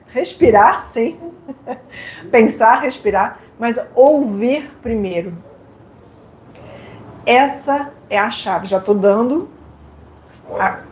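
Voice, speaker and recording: This French-accented lecturer from France has a high-leaning, darkish voice. In a lecture hall she addresses her audience directly and playfully, putting questions to them, captured in an echoey recording with faint noise.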